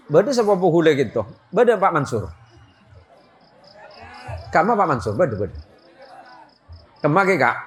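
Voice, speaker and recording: A middle-aged man preaching a humorous sermon to a gathering, telling an anecdote with animated, switching local speech. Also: a little high. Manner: animated storytelling, switches between Madurese-style local speech and Indonesian. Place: religious school gathering, audience laughing.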